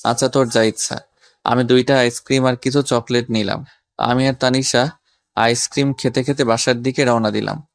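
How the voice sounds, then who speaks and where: A man narrating a romantic audio story in the first person, with plain, even storytelling and casual banter. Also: medium pitch, moderate pace, vocal fry. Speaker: narrator and lead voice actor.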